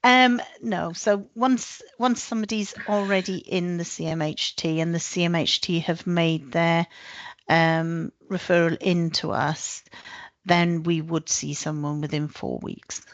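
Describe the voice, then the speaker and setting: A woman's voice: lowish voice, fairly even intonation, a little slow, no room sound. A woman on a mental health team, answering webinar questions briefly and matter-of-factly. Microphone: video call. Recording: dull lo-fi call audio.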